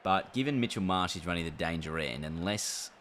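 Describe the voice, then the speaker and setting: Male streamer, deep voice, chatty play-by-play over a game, steady background noise. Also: fairly quick. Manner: chatty, reacts aloud to the game and answers chat. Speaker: gaming streamer. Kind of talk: casual livestream chat while playing.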